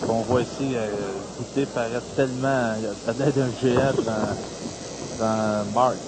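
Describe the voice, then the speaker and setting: A man's voice: medium pitch, steady tone, measured pace. A man offering conversational colour analysis on boxing. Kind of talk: conversational sports commentary. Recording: noisy broadcast with hiss.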